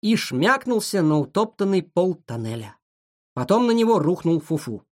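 A narrator reading a children's adventure story aloud with an expressive, animated delivery. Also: mid-range voice, moderate pace.

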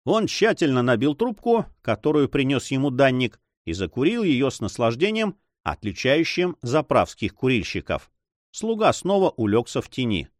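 A man reading an adventure novel aloud as narrator, in an expressive storytelling manner. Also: medium pitch, moderate pace, no echo, clean studio sound. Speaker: audiobook narrator. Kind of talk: scripted narration.

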